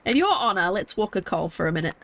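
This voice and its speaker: Talking fast with big pitch swings, this medium-pitched, slightly bright voice belongs to a young streamer whose nose is stuffy and congested. She plays a game from home, thinking aloud and chatting casually for a live gameplay stream.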